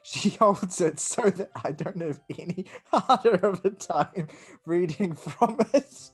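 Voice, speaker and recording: Relaxed and joking, a New Zealand man reads the game text aloud as co-host of a let's play podcast, laughing with friends between lines. His voice is high, slow, and slightly rough. Faint music sits behind him.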